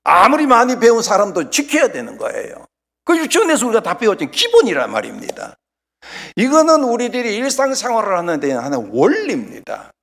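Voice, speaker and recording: A man preaches a Sunday sermon in his church, his fairly high voice rising and falling with lively emphasis. He presses points loudly, then drops almost to a whisper. Long reverb from the sanctuary trails each phrase. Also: a little fast, gravelly. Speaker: pastor.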